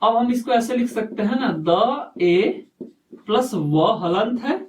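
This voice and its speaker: Male tutor, very high voice, slow and repetitive, recorded distant from the mic in an echoey room. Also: expressive. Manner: slow, repetitive, quizzing himself aloud. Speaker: teacher. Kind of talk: explaining a lesson at a board.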